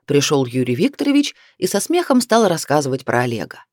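A woman narrating an audiobook in a measured storytelling manner. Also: deep voice, big pitch swings, a little mellow, no echo, clean studio sound.

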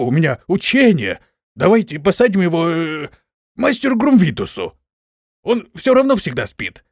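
A man voicing a panicky older male dwarf general, pleading in a high, whiny voice in an audiobook. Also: gravelly, slightly rough, dry recording, clean studio sound, heavily acted.

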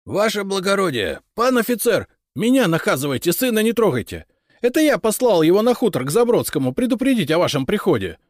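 Мужчина играет хриплого отца-крестьянина, тревожная мольба, живая интонация, сухая запись. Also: male voice, fairly high pitch, very animated, measured pace, no room sound, studio quality, pitched above the performer's own voice. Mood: pleading. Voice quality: hoarse. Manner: pleading, anxious. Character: frightened middle-aged male farmer, pleading father.

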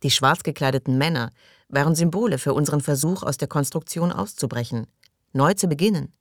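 A man's voice: on the high side, brisk, no room sound, studio quality, lightly acted. A man voicing a knowing male police officer aboard a spaceship, with an assured, explaining manner.

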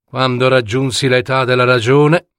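A man voicing a large male lake monster in a storybook tale, speaking in a slow, booming, heavy way. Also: fairly even intonation, fairly bright tone, clean tone, dry recording, clean studio sound, natural voice. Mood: weary. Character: big lake monster, male, gruff warrior turned peaceful.

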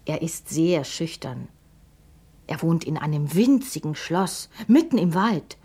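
A woman voicing the princess's thoughtful female friend, speaking slowly and musingly. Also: low-pitched, sing-song, mellow, slightly rough, full character voice.

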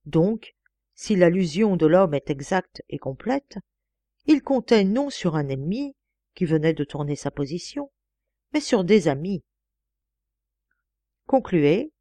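A woman's voice: fairly low pitch, dry recording. A woman voicing a self-assured young detective. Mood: explaining. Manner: calm, explaining, measured.

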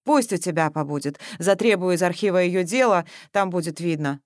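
A woman's voice: fairly low pitch, fairly quick, no echo, studio quality, lightly acted. A woman voicing a tired, businesslike middle-aged police colonel who gives brief, weary replies.

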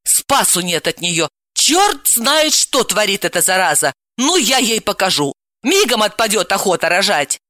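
A woman voicing a hot-tempered young woman who scolds and snaps in a high, indignant voice, in a storybook reading. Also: sing-song, moderate pace, pushed and bright, dry recording, clean studio sound. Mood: scolding.

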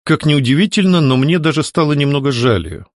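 A man's voice: a little high, lively intonation, fast, no echo, studio quality. A man narrating a story in the first person, reading with expression. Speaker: audiobook reader. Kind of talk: scripted narration.

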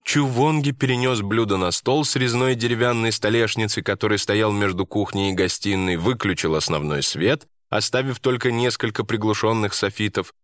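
A male narrator reads a story aloud, steady and measured. His voice sits on the low side, and the recording is dry and close. Nothing else can be heard around him. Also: no echo. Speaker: audiobook narrator. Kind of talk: scripted narration.

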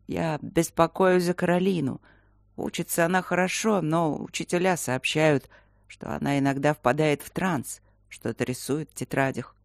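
A woman voicing a calm older man who speaks in a measured, concerned way. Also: low voice, creaky, no room sound, studio quality.

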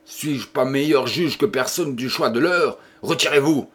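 A man reading an audiobook, voicing a furious, domineering husband who shouts down a priest. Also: medium pitch, measured pace, breathy edge. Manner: raging, shouting outbursts. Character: furious domineering husband refusing his dying wife a priest. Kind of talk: audiobook character voice.

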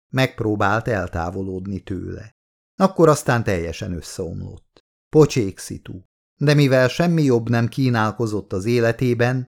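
A man narrates a novel in a measured, storytelling read. His voice sits low with a gravelly fry. It is a steady audiobook reading.

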